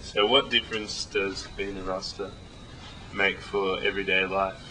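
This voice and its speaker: A male interviewer with a very bright, forward tone and a lowish pitch puts casual questions. The recording is made on location. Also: level tone, unhurried, slight background noise, low-quality recording.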